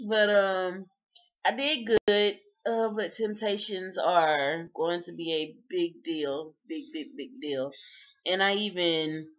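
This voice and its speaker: Chatty low-voiced woman, dull lo-fi recording. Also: a bit bright. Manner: chatty, laughs often, many fillers. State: sleepy. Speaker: vlogger. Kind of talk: casual video diary. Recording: dull lo-fi sound.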